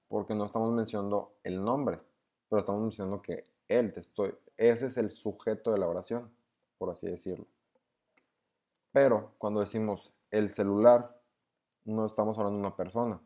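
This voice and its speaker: A man's voice: fairly low pitch, warm tone. A young man patiently walks through grammar exercises, reading each sentence aloud and explaining it step by step. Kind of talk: screen-recorded lesson walkthrough.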